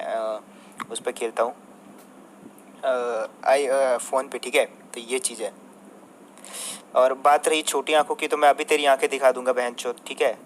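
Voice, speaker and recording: A young streamer rants at a rival, combative and swearing heavily as he turns to his viewers now and then. His voice sits at a middle pitch, and a faint hiss of noise runs behind it. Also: low-quality recording. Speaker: mobile game streamer. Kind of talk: angry rant to viewers.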